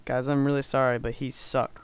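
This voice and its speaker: A man's voice: medium pitch, level tone, fairly quick, smooth, no room sound. A teenage boy giving joking, laughing mock sportscaster commentary while friends play a video game at home. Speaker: player and commentator.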